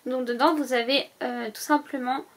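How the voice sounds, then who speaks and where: Woman, high voice, casual vlog chat, lists things one at a time, hesitant fillers. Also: steady tone, moderate pace. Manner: chatty, lists items one by one with many "euh" fillers. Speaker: vlogger. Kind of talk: casual packing-list vlog.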